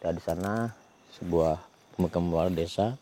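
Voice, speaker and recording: A man hosting a ghost-hunting vlog outdoors near a village, talking in a hushed voice to his companion and muttering Islamic prayers. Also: low voice, moderate pace, slight background noise. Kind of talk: hushed on-location narration.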